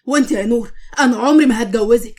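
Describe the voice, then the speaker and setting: Earnest young Egyptian suitor in a cartoon story, read by a woman. Quick delivery. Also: a little high, a little mellow, lightly acted. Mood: pleading. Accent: Egyptian Arabic. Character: young man, gentle devoted suitor.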